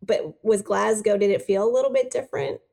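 A woman's voice: mid-range voice, steady tone, brisk, gravelly, warm tone. A woman hosting an interview, chatty and enthusiastic, affirming her guest often. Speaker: interview host. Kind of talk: casual interview conversation.

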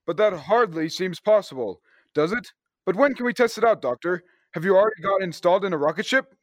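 Here a young man plays an eager, adventurous space hero straight out of a 1930s radio serial, earnest and full of gee-whiz spirit. His voice sits high with lively intonation and a fairly quick pace, and he sounds excited and eager.

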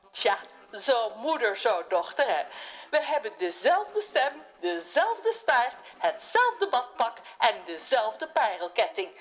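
A woman voicing a chatty young mermaid daughter who talks in an easy, unhurried way. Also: fairly high pitch. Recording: faint music behind.

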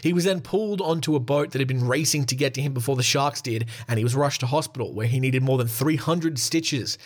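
A man's voice: mid-range voice, brisk. A man hosting a podcast, reading news articles aloud and breaking off for joking, profane asides. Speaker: podcast host.

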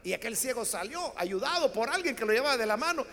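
A man delivers a sermon in a very high, bright voice. He tells the stories with drama and acts out the voices of the people in them. The sound carries a long reverb, as in a large hall. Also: sing-song, quick pace, slight background noise. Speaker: preacher.

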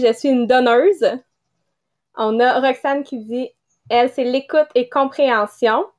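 A woman co-hosting, reading listener comments aloud in a measured way. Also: high voice.

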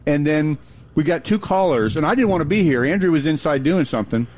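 A man's voice: fairly high pitch, expressive, brisk, noisy background. A middle-aged man who worries and frets, talking casually on a radio show as the producer. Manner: timid, worried, self-described worrywart.

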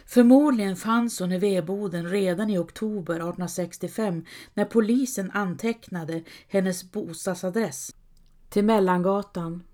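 Woman reading a story out loud, calm and mellow, steady pace. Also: mid-range voice. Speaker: narrator. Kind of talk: scripted narration of a historical story.

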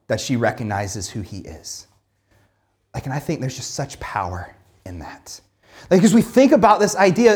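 In a casual Bible teaching, a pastor with a mid-range, darkish voice alternates between reading scripture aloud and commenting on it. The points are made emphatically, leaning on repeated phrases and many "like" fillers.

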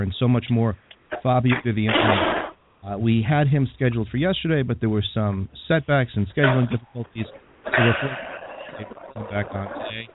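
A man with an American accent hosting a radio interview in a conversational style. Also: medium pitch. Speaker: radio show host. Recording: phone-like band with clear background noise.

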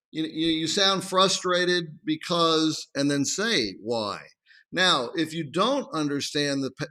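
A man answering interview questions in a calm, measured way, acting out conversations with patients. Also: on the high side.

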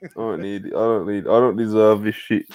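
A man's voice: lowish voice, fairly even intonation, a little fast, lo-fi sound, a little hiss or hum. A man bantering heatedly on a podcast, exasperated, swearing and repeating himself. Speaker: podcast panelist.

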